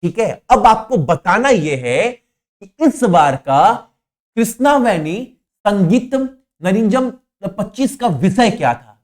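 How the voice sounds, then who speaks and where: A man's voice: high-pitched, animated, slow pace. Emphatic male current affairs teacher. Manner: emphatic, repeats key points, asks and answers his own questions; informal, scornful asides. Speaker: exam coaching teacher.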